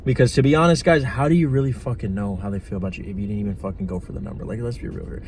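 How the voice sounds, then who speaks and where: A man's voice: lowish voice, rapid-fire, a little mellow, a little hiss or hum. A man giving blunt, profane dating and manifestation advice in a casual vlog. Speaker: manifestation coach.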